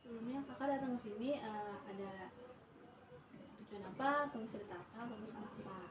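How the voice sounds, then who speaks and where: Talking fast in a medium-pitched voice, a young woman takes the counselor's role in a practice counseling session. Her speech is hesitant and full of filler sounds. The recording has a distant mic, room echo and background noise.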